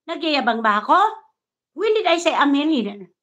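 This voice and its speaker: A high-pitched woman from the Philippines talks straight into the camera in a heated, combative rant. She taunts, swears freely and jumps between two languages. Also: animated, moderate pace, a bit bright. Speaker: vlogger. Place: living in the United States.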